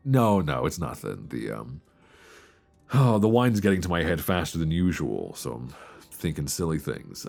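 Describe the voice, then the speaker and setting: In an intimate romantic audio roleplay, a man with a deep, gravelly voice plays a wistful, homesick young friend hiding a crush. His heavily acted delivery is flustered, hesitant and confiding, conversational and broken by sighs. He is recorded close on a binaural mic, with soft guitar music behind him.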